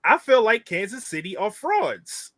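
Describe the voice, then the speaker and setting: Casting: man, co-host, emphatic and repetitive, bright forceful tone, dry close sound. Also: high voice, unhurried, no room sound. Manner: animated, emphatic, swearing, repeats phrases. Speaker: podcast co-host. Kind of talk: casual sports chat.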